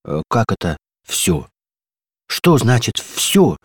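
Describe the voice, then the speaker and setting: A man's voice: medium pitch, sing-song, fairly quick, no echo, clean studio sound, pitched above the performer's own voice. A man doing a meek, bewildered padlock. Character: timid, gloomy male padlock with broken shackle. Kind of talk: storybook character reading.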